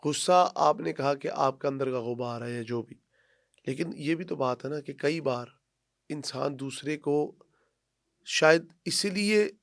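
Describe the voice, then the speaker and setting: A man with a gravelly, slightly high voice takes the interviewer's seat in a conversational discussion. He challenges the speaker's claims and presses for his reasons. The sound is dry and close to the mic. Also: dry recording. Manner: challenging, pushes back on points.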